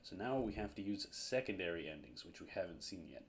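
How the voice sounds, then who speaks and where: A man teaching a language lesson, explaining grammar step by step in a slow, methodical way. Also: low-pitched, very animated, a little hiss or hum.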